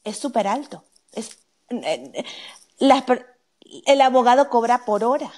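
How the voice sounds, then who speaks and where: This legal expert on wills is a woman whose slightly higher-pitched, somewhat mellow voice carries lively intonation. She explains legal questions methodically in a live Q&A style, pausing often for a brief "ok?" to confirm the listener is keeping up.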